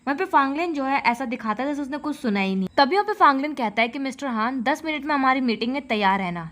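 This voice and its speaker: Woman narrating a drama recap, higher voice. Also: fairly bright tone. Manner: fast storytelling, constant filler phrases. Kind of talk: casual plot retelling.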